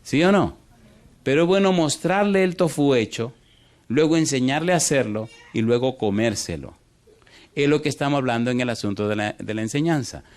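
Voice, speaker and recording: A man preaching a sermon as pastor, animated, quizzing the congregation with repeated yes-or-no questions and swinging between rushed and drawn-out delivery. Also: mid-range voice. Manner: animated, shifts pace from fast to drawn out.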